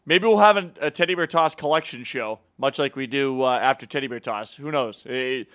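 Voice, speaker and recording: A man's voice: mid-range voice, brisk, a bit bright. A man hosting a casual hockey news segment, upbeat and teasing his co-host, with plenty of filler words. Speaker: show host. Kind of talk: casual sports news chat.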